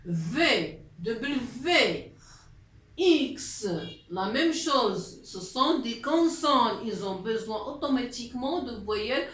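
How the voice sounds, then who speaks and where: A woman's voice: on the high side, lively intonation, extremely slow, fairly bright tone. A woman teaching a class, explaining letters patiently with frequent hesitations and repetitions. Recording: echoey room.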